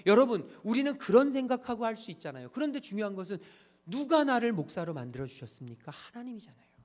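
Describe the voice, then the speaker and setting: A male pastor preaching with a high, lively voice that swings widely in pitch. He leans on rhetorical questions and emphatic repetition as he addresses the congregation. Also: fast. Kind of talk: sermon.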